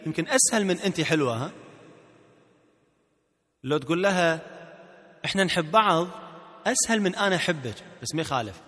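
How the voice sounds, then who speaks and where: Gulf Arabic male coach for a self-help tape, bright forceful delivery, coaxes listeners through repeat-after-me drills, hall reverb. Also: on the high side. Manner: playful, coaxing, repeats phrases for the listener to echo. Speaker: marriage coach. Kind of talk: recorded self-help audio lesson.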